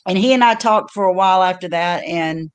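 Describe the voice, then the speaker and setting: An older woman hosts her own livestream, telling stories in a loose, chatty, rambling way packed with fillers and restarts. Her voice is on the low side, smooth and fairly quick.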